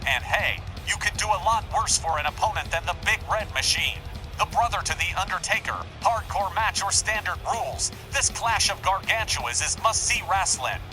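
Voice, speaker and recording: Wrestling color commentator, male, high-pitched, opinionated, music underneath. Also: poor audio.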